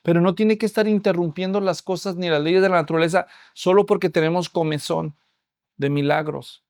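Spanish-speaking pastor with a higher voice, dry sound. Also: male voice, steady tone, a little fast, a little mellow, dry recording. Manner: storytelling, addressing the congregation. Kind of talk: sermon.

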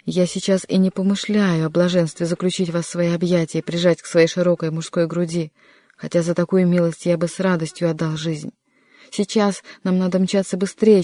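A reader voicing a desperate young nobleman who shouts urgent warnings in an audiobook. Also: mid-range voice, no room sound, close to an everyday voice. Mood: pleading. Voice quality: shouting, pleading. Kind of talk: audiobook character reading.

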